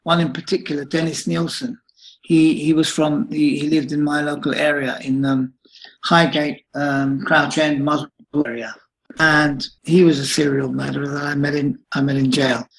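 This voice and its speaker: Gravelly man in his fifties. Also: fairly high pitch, flat delivery, low-quality recording. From United Kingdom. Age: 50s. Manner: halting, many restarts and pauses. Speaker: interviewee. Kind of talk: emotional personal account.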